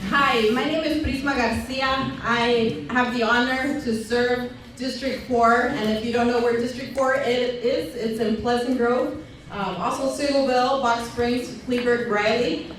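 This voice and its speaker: A woman's voice: a little high, a little hiss or hum. A young adult woman, a school board trustee, introducing herself with proud, upbeat energy on a panel. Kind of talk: public panel remarks. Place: large community center hall. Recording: very echoey hall from far off.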